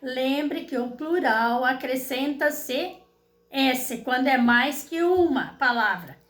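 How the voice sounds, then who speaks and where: A woman's voice: high voice, expressive, slow, a bit bright, roomy sound. A woman teacher with a Brazilian Portuguese accent, patiently walking students through exercises and checking in with them often. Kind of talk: explaining school exercises to students.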